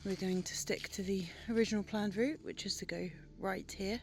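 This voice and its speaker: A woman's voice: mid-range voice, steady tone, normal speed, noisy background. A woman chatting casually and enthusiastically as she narrates a country walk for a vlog. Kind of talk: casual chat.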